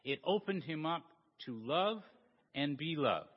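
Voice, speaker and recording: Slow, lively preaching man in a church. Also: a little high, husky. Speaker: pastor. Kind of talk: sermon. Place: church sanctuary. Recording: dull recording with long church reverb.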